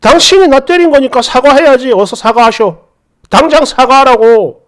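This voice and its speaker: Woman playing a rude man, sneering, dismissive, lower voice, storybook reading. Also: moderate pace. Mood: belligerent. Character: rude, scornful middle-aged man stranger.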